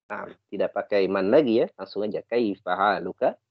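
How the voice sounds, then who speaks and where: A man's voice: on the low side, moderate pace, dry recording, lo-fi sound. Patient Indonesian man teaching Arabic. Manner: patient, corrects and translates phrases. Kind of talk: online class instruction.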